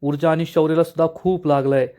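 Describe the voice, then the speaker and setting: A man's voice: on the high side, steady tone, quick pace, mellow, lightly acted. A man reading the lines of a caring grandmother who soothes and directs her family. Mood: calm. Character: calm caring grandmother of the household.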